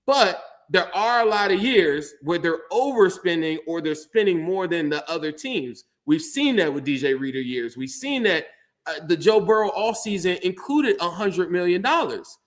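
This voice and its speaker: A man hosts a casual sports talk show, with a noticeably high voice. He talks in an animated, rambling way, piling clauses on top of each other and repeating words as he goes. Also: moderate pace. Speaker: sports podcast host.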